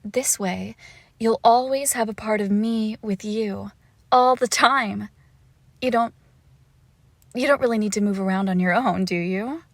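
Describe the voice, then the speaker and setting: Tender and possessive, a woman voices a lovesick witch in an ASMR roleplay, alternating soft talk with slow whispers as she coaxes and teases her captive. The recording is dry, and her pitch is medium.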